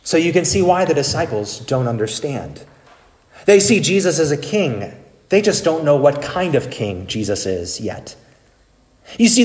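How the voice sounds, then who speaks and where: A man preaching a sermon as pastor, wry and conversational. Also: a little high. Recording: roomy church echo.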